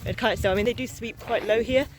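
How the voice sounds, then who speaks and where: This new-mom vlogger talks fast in a fairly high voice, music playing in the background. A young adult woman, she chats candidly and rambles for her casual vlog while walking outside.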